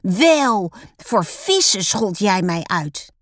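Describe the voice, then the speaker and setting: A woman doing a shrill, whiny little sister. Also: very animated, takes it slowly, no room sound, studio quality, full character voice. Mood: indignant. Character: young girl, younger sister, quick to anger and shrill.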